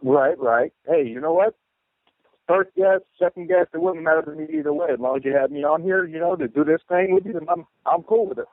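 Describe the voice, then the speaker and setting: A man's voice: high-pitched, very animated, a little fast, gravelly, no room sound. A man chatting casually as a podcast guest over a narrow phone connection. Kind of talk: casual chat. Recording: narrow, tinny phone-line audio.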